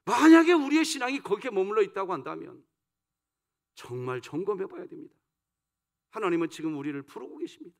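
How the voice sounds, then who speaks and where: High-voiced preaching man. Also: expressive, brisk, vocal fry, long pauses. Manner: rhetorical questions put to the congregation; swings between loud emphasis and soft low asides. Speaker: pastor. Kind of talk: dawn service sermon. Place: church sanctuary.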